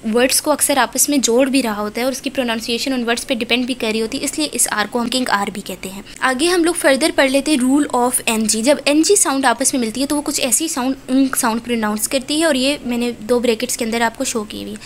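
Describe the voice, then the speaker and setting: A young woman with a Pakistani Urdu accent, teaching phonology from lecture notes and slowing down to spell out English example words. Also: fairly high pitch, a little hiss or hum.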